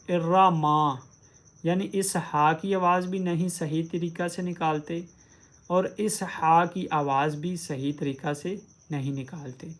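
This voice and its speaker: A man teaching Quran pronunciation, explaining patiently and drawing out recited words syllable by syllable. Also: fairly high pitch. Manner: drawn-out, syllable-by-syllable recitation of examples. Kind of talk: tajweed pronunciation lesson.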